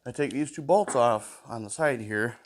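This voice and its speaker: A small engine repair vlogger takes apart an old mower in his workshop, speaking casually to himself through a stuffy nose and humming between tasks. He talks at a moderate pace in a medium pitch, with slight background noise.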